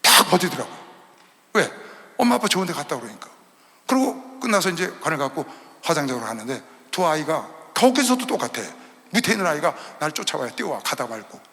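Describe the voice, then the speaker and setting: A man preaching an impassioned sermon as a pastor, dropping to hushed storytelling and then rising to loud shouts. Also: a little high, very animated, brisk. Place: large arena hall. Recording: reverberant arena hall.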